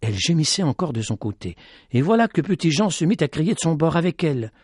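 A man hosting a radio program, narrating a story in a measured, expressive way. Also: on the high side, breathy edge, no echo, clean studio sound.

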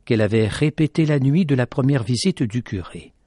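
A man hosting a radio program, reading a story aloud in a measured, dramatic way. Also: medium pitch, lively intonation, mellow, no echo, clean studio sound. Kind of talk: scripted story narration.

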